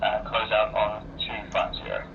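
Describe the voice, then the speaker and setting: A man's voice: fairly low pitch, very animated, moderate pace, vocal fry. A man acting as air traffic controller, giving clipped, procedural calls over a radio. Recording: distant, muffled noisy radio.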